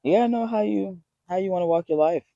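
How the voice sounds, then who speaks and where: A man's voice: high-pitched, fast talker, vocal fry, mellow, no echo, lo-fi sound. A man in his twenties talking to camera in a rambling, earnest motivational way, swearing freely as he goes. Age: 20s. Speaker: vlogger. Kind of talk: casual motivational talk to camera.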